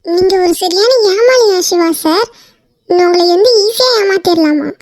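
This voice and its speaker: A pair of scheming young women from a cartoon, taunting and threatening with high, piercing voices, as a woman voices them. The sound is dry, with no room around it. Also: normal speed, a little mellow, no room sound. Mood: tattling.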